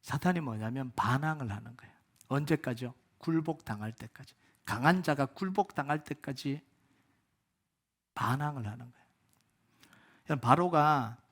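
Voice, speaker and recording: A man preaching a sermon as pastor at a Friday prayer meeting, moving between loud emphatic peaks and low quiet asides. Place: church sanctuary.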